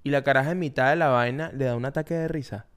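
Lively Venezuelan man chatting on a podcast. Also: mid-range voice, fast. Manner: animated storytelling, acts out quotes. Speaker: podcast co-host. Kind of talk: casual chat.

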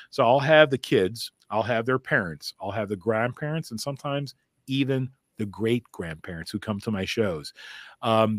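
A man's voice: medium pitch, no echo. Man, comedian guest, chatty, rambling, dry close mic. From United States. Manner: chatty, rambling, laughs often. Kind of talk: casual interview chat.

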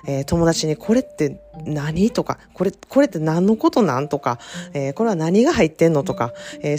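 A woman's voice: low voice, mellow. A woman with an Osaka accent hosting a podcast, chatting casually with frequent fillers and small laughs. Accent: Osaka Kansai dialect. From Japan. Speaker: podcast host, self-care consultant.

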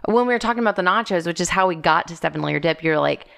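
A woman with a fairly low voice co-hosts a podcast in a chatty, animated way. She tells everyday stories and acts out the lines people said. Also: racing, creaky, clean tone. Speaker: podcast co-host. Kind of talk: casual chat.

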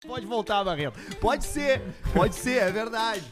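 A man's voice: sits high, lively intonation, measured pace, over music. A man hosting a live podcast in casual, slangy chat peppered with swearing. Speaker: podcast host.

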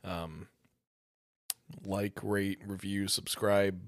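A man's voice: low voice, flat delivery, very slow, no echo, studio quality. A man in his thirties co-hosting a podcast in casual chat, teasing and contradicting his friends. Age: 30s. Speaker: podcast co-host.

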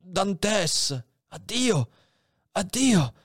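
A man's voice: high-pitched, sing-song, extremely slow, no echo, clean studio sound, voice pushed up, full character voice. A man voicing Abbé Faria, a frail dying old priest. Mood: fading, solemn. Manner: weak, hushed, often whispering. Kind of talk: dramatic reading of a novel.

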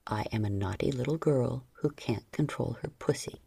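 A woman voicing a stern, commanding adult man who speaks low and slow, often half-whispered. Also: gravelly, warm tone, husky, no room sound, heavily acted.

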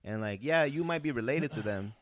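A young man from Peru, a comedian, telling rambling, animated stories in a casual podcast chat. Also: medium pitch, a little fast, dry recording, clean studio sound. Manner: rambling, animated storytelling with restarts. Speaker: guest comedian.

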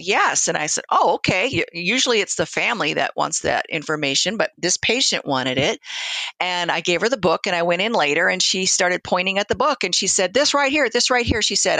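A woman with a bright, slightly low voice talks conversationally as a hospice nurse. She tells anecdotes reflectively and voices the exchanges she quotes. The sound is close and dry. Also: no echo, rough recording. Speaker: hospice nurse, interview guest. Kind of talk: conversational storytelling.

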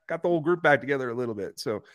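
Easygoing guy as a sports show guest, normal pitch, casual and modest. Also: animated, very fast, crowd noise. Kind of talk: casual interview chat.

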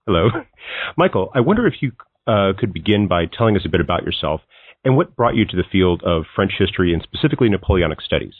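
A man hosting a podcast, asking brief, measured questions in an interview. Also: deep voice, sing-song, no echo. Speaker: podcast host. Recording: tinny phone-like line.

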